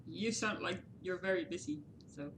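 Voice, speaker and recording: A woman's voice: on the low side, moderate pace, a bit bright, a little hiss or hum. A woman playing a tabletop game, giggly and hesitant with frequent fillers. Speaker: player.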